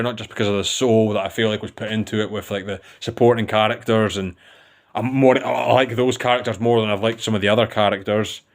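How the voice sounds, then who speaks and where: Low-voiced man rambling through a film review. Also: a bit bright. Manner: rambling, enthusiastic, restarts sentences often. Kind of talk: casual spoken film review.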